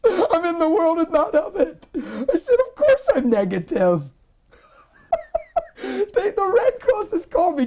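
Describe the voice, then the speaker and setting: Animated man in his forties, mellow tone. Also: very high-pitched. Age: 40s. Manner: animated and emphatic, often laughing mid-sentence. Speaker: interview guest, minister. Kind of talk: personal testimony in a sit-down interview. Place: indoor lounge-style set, seated in armchair.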